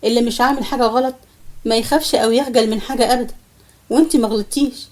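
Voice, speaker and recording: A woman's voice: fairly high pitch, fairly even intonation, racing, a little mellow, close to an everyday voice. A woman with an Egyptian accent voicing an elderly grandmother who teases bluntly and affectionately. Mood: teasing. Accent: Egyptian Arabic. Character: elderly grandmother, teasing and wise.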